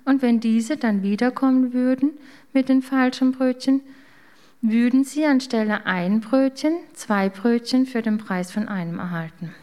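A woman reading a children's story aloud in a calm, gentle way. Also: on the high side, unhurried.

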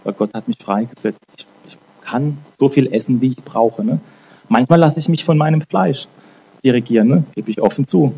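Man preaching casually, dark voice. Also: mid-range voice, moderate pace, husky, muffled recording. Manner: conversational, frequent "ne?" tags; repeats and restarts words. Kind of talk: informal sermon with prayer.

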